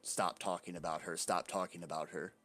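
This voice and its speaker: A man voicing an upset little boy who cries and shouts in outbursts. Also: low-pitched, level tone, a little fast, faint music behind. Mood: crying.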